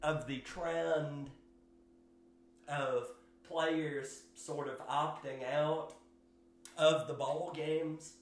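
A man hosting his own sports podcast, giving solo commentary in a slow, measured way with fillers and hedges. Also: on the high side, fairly even intonation, echoey room. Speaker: podcast host.

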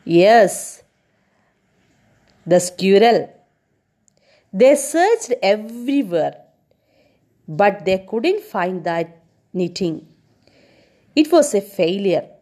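Slow, lively-voiced woman teacher retelling a story. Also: mid-range voice. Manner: expressive, quizzes listeners with questions.

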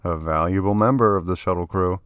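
A cocky, boastful rebel co-pilot with a deep, low voice, read by a man in his plain register. The sound is dry and close. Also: brisk, fairly bright tone, clear, resonant tone, no echo.

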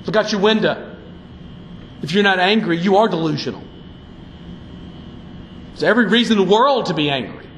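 A male pastor delivers a fiery, emphatic sermon in a high, bright voice. His words carry a sharp, forceful edge. The sound rings through an echoey church sanctuary with faint room noise behind it. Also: moderate pace, long pauses.

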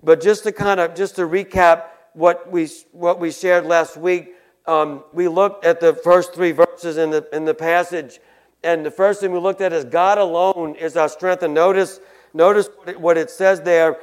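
A man preaching a sermon in an earnest way, often repeating and restarting words, and reading scripture aloud louder and slower. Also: fairly high pitch, fairly even intonation, clear, resonant tone. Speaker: pastor.

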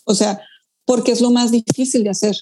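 Young woman pianist chatting away, kinda high voice, acts out what people said. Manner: animated storytelling, quick asides and acted-out quotes. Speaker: pianist guest. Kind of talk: casual conversation.

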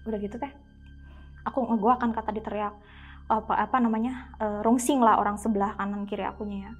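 Animated young woman storyteller. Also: mid-range voice, fast talker, husky, lo-fi sound, soft background music. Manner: chatty and animated, constantly addressing the listener; acts out quoted speech with sudden exclamations. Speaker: guest telling a personal experience. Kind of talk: casual spoken storytelling. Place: podcast studio.

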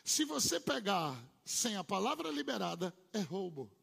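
A man preaching a sermon, swinging between low murmured asides and loud shouted proclamations. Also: very animated, moderate pace, vocal fry, husky. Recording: long hall reverb.

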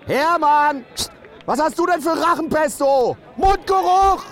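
A man voicing a shrill heckler who shouts taunts at players. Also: lively intonation, unhurried, full character voice. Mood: mocking shout.

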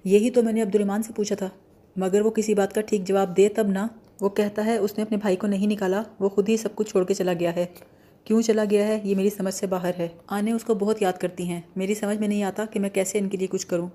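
A woman's voice: medium pitch, level tone, dark tone, lightly acted. A woman voicing an earnest young woman, an older sister, who speaks plainly. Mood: troubled.

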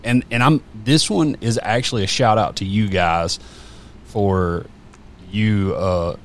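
A man's voice: lowish voice, slow. A man chatting casually on a podcast, rambling with many fillers and restarts. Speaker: podcast guest. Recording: faint background noise.

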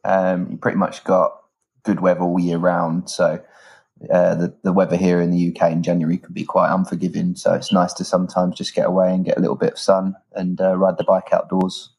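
A man's voice: low voice, monotone, a little fast, gravelly, a little mellow, breathy edge. A man with a southern English accent, talking casually as an interview guest. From south of England. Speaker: podcast guest, triathlon coach.

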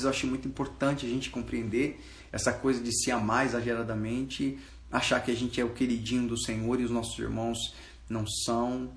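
Casual Brazilian pastor man in a roomy space. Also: medium pitch. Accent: Brazilian Portuguese. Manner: casual slangy preaching, speaks straight to the listeners. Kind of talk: informal sermon.

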